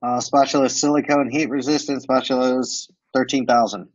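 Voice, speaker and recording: A man with a mid-range voice talks at a normal speed in a steady tone, and the recording has no echo but the highs are cut off. His accent blends American and Romanian. As a podcast guest expert demonstrating software, he casually walks through what's on screen, loosely explaining with lots of fillers like "like" and "um."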